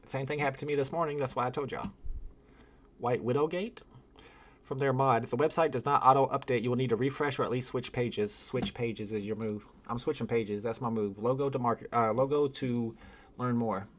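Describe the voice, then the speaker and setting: A man's voice: medium pitch, steady tone, brisk. A man hosting a casual live stream, reading viewer comments aloud, rambling and exasperated and laughing often. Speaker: livestream host.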